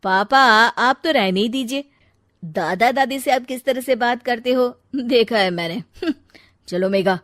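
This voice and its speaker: A woman voices a stern young man in a storybook drama, firm and reproachful with his parents. The voice is fairly high and dry. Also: measured pace, a bit bright, no echo. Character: stern young adult son siding with his wife.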